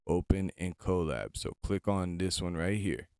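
A man with a deep, smooth voice leads a casual tutorial. He is chatty and informal as he instructs step by step, recorded close and very dry. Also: measured pace, a little mellow, no echo. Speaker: tutorial host.

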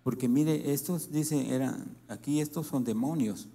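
A man preaching a sermon in Latin American Spanish, reading scripture and speaking in a slow, halting way with restarts. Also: mid-range voice, creaky, mellow.

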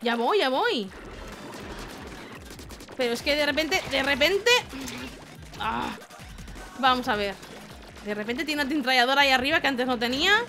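A woman from giving excitable let's-play commentary, shrieking and laughing as she plays. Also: high-pitched, normal speed, long pauses. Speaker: gaming YouTuber. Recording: game music loud under the voice. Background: game music.

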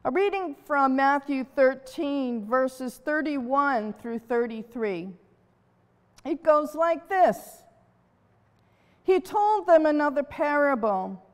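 A woman leading prayer and reading scripture at a church pulpit, steady and earnest, from a distant camera. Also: high-pitched, slow pace. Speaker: worship leader. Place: church sanctuary. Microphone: far camera at pulpit. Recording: reverberant church from afar.

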